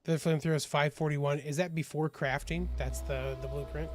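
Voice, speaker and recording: A man's voice: a little high, steady tone, brisk, soft background music. Chatty laughing man gaming. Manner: chatty, laughs often, trails off and restarts. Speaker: gaming channel host. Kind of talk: casual let's-play chat with teammates.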